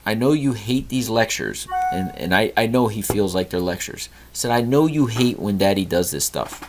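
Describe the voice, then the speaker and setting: A middle-aged man hosting a podcast, telling an earnest story about a talk with his son and lecturing on gratitude. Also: on the low side. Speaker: podcast host. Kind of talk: storytelling monologue.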